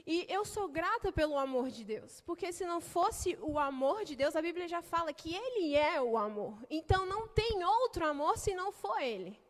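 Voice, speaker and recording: A woman's voice: very high-pitched, sing-song, moderate pace, few pauses, long reverb tail. A young woman with a Brazilian Portuguese accent preaching a sermon in a chatty, conversational way, often adding tag questions. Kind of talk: sermon with opening prayer.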